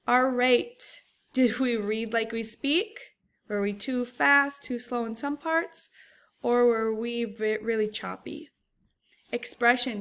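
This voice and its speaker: A woman teacher giving a recorded reading lesson for children, patient and clear, asking many guiding questions. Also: fairly high pitch.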